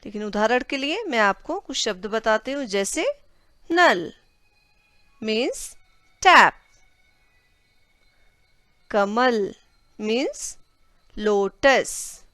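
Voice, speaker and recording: A woman teaching children, sounding out each letter and word very slowly. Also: a little high, expressive, fairly bright tone, no echo, clean studio sound. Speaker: Hindi teacher. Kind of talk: classroom lesson for children.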